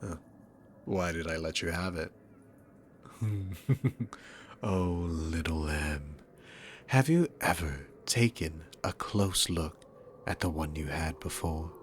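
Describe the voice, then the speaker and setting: In an ASMR roleplay addressed to the listener, a man voices a demon king with a low, slow, theatrical drawl. This dominant villain mocks and condescends, sounding amused as he toys with his prey, while faint noise lingers in the background.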